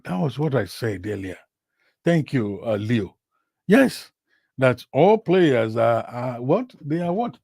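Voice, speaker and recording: A man with a gravelly, creaky voice talks slowly through a casual football vlog, reading viewers' comments aloud. He keeps asking rhetorical "what?" questions and answering them himself, repeats his phrases, and gets loud and animated at times. The recording is dry and close. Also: medium pitch, dry recording. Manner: repeats words and phrases, with many fillers; animated, with big swings in loudness.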